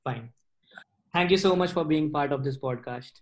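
Male podcast interviewer, somewhat higher-pitched voice, casual delivery. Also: moderate pace.

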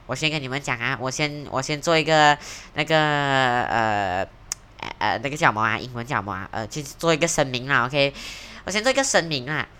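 Chatty low-voiced young woman podcaster. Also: fairly bright tone. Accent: Malaysian Mandarin. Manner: chatty, self-mocking, quick, mixes in English words. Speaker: podcast host. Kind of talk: casual solo podcast chat.

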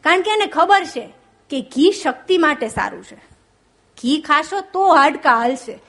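Woman comedian, Gujarati accent, high voice, joke telling with punchlines, slow poetic lines. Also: lively intonation, fairly bright tone. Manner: storytelling with punchlines, recites verses slowly. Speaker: stand-up comedian. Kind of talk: Gujarati stand-up jokes and poetry.

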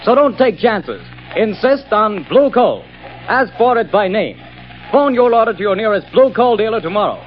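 A man's voice: high voice, lively intonation, normal speed. A man delivering a chipper old-time radio advertisement in a polished, emphatic, salesmanlike announcer style. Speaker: announcer and sponsor pitchman. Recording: dull vintage radio recording, faint music.

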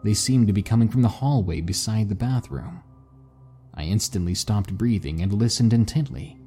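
Husky man narrating spooky stories. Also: lowish voice, animated, moderate pace, warm tone, soft background music. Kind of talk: scripted story narration.

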